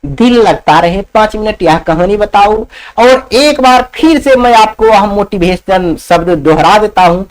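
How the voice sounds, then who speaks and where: A man's voice: high voice, animated, a little slow, hardly any pauses, low-quality recording. A man teaching school students and telling a story in a playful way, chuckling as he goes, with a Bihari Hindi accent.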